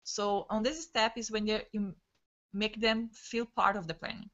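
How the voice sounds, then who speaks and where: A woman trainer leading an online team session, talking quickly and excitedly, restarting words, in non-native English over a video call. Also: mid-range voice. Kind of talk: live online training talk. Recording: dull lo-fi video-call audio.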